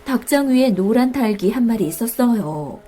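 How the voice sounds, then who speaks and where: Soft-spoken woman telling a bedtime story. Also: fairly high pitch, lively intonation, normal speed. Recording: faint music behind.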